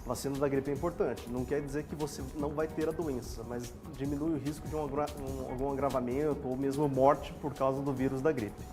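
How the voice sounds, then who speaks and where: Speaking over music in a studio, this man is a doctor guest on a TV health show who has a Brazilian Portuguese accent. He has a mid-range voice and a slightly fast delivery with hardly any pauses, yet explains calmly in plain lay terms.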